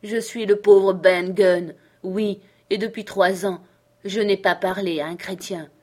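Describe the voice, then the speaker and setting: A woman voicing Ben Gunn, a hoarse, half-mad old male castaway who talks eagerly and wheedles. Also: medium pitch, fairly even intonation, measured pace, a little mellow, natural voice. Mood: eager pleading. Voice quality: hoarse, creaky.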